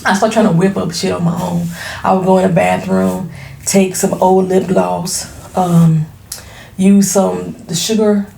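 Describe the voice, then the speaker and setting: Woman in her forties, self-made business owner, home vlog, frank and chatty, creaky voice in an echoey room. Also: on the low side, level tone, a little slow, warm tone. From Florida. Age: 40s. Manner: chatty, laughing, frank, slangy. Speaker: small business owner vlogging. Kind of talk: casual chat to camera. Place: her home, products on shelves behind.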